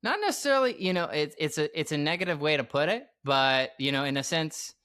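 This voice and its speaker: A man's voice: on the high side, expressive, fairly quick, pushed and bright, clear, resonant tone, no echo, studio quality. A man hosting a casual interview, encouraging and prompting with "right?". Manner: encouraging, frequent "yeah" and "right?". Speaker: podcast host.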